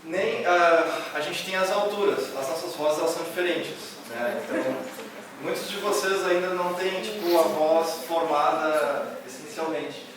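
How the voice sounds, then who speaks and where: A man explaining music to students in a loud, nearly shouting voice, full of fillers and restarts. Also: a little high, a little slow, noisy background. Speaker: music workshop instructor. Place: large echoey hall. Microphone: camera from a distance. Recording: echoey hall recorded from far off.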